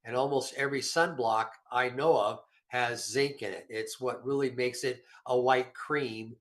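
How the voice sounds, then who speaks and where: Speaking at a measured pace with a mid-range, fairly bright voice, a middle-aged man sounds slightly nasal from a cold. The show regular talks casually about health supplements with rambling, folksy, self-deprecating humor.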